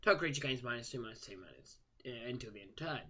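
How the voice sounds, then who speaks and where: Animated young-sounding man reviewing cards. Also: mid-range voice, racing, slightly rough, lo-fi sound. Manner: chatty, stumbles over card names and jokes at himself. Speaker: card game reviewer. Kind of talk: casual card review monologue.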